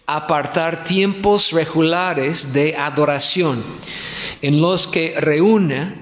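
A man's voice: a little high, fairly bright tone. A man preaching at a pastors' conference, asking his listeners questions and repeating his key points. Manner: asks the audience questions and repeats himself. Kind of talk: conference sermon. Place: church hall in Ecuador. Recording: echoey hall.

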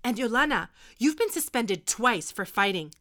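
A woman's voice: on the high side, sing-song, normal speed, a bit bright. A woman acting a stern, lecturing history teacher keeping two students in detention. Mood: scolding. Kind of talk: audio drama acting.

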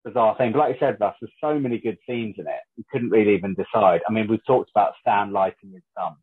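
A man's voice: on the low side, fast talker, husky. A man in a casual film discussion, chatty, often hedging with tag questions. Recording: phone-like remote line.

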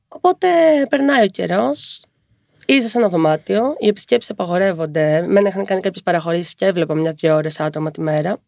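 A woman in her twenties, a podcast guest who talks quickly and tells her story with wry humor. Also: medium pitch, dry recording, clean studio sound. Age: 20s. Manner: fast-talking, lively storytelling with wry humor. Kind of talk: casual conversational interview.

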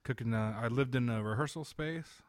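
A man's voice: medium pitch, normal speed, no echo, clean studio sound. A man as a podcast guest, telling stories casually in a candid, joking way. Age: late 20s or older. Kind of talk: casual storytelling chat.

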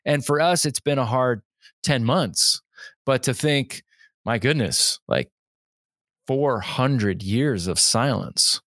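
A man's voice: medium pitch, slow, fairly bright tone, no room sound, clean studio sound. A man who coaches pastors, talking casually on a podcast and quoting hymns and Scripture with rising emphasis.

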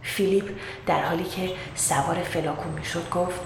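A woman storyteller reads a children's tale with calm, measured pacing. Her voice sits lowish, and the recording is roomy with steady noise behind it. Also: gravelly. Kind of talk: scripted storybook narration. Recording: roomy echo with background noise.

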